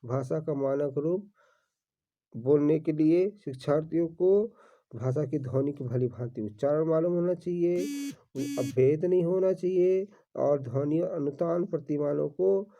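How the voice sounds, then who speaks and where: Guy going thru exam questions one by one, repeats answers, dark muffled sound. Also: a little high, a little slow. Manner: reads questions then repeats answers, addresses viewers as friends. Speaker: teacher. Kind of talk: exam-prep quiz walkthrough. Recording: dull lo-fi recording.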